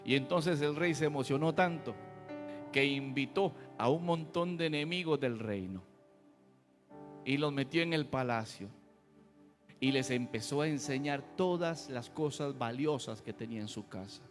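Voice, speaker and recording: A man's voice: mid-range voice, normal speed, in a large hall, over music. A man preaching a fiery, folksy sermon as a pastor, full of rhetorical questions. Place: church.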